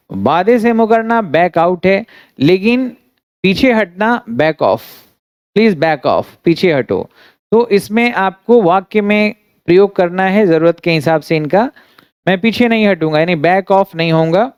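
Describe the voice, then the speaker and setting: Male English tutor, Indian accent, high smooth voice, dry dull recording, slow dictation of examples. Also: a little mellow, no room sound. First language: Hindi. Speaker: English grammar teacher. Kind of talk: classroom lesson explaining phrasal verbs.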